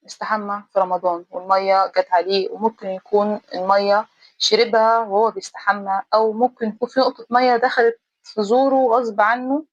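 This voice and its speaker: A woman's voice: on the high side, dry recording, muffled recording. A woman with an Egyptian accent, giving a blunt, emphatic opinion monologue full of rhetorical questions. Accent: Egyptian Arabic. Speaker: vlogger.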